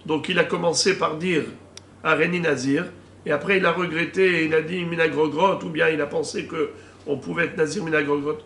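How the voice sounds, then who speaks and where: A man, a rabbi, teaching a Talmud lesson, slowly reading out Hebrew and Aramaic terms and explaining each one. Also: a little high, fairly even intonation, vocal fry, a bit bright. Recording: echoey room with faint ambient noise.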